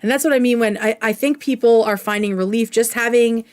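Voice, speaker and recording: This woman in her thirties is a streamer and show host, chatting loosely and reacting to clips in casual commentary full of "like" and "right?". Her fairly high voice sounds brisk and smooth, and there's no echo.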